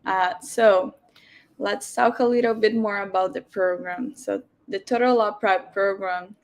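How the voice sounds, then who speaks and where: A woman hosting an online information session over a video call, welcoming people in an unhurried way with frequent fillers. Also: mid-range voice, fairly even intonation. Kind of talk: hosting a virtual info session.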